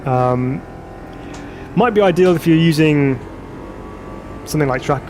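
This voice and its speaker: Fairly high-pitched and a little mellow, this man speaks at a measured pace while racing a sim live, reading his chat aloud and laughing at his own remarks. He's congested from a cold, and the recording carries a slight hiss or hum.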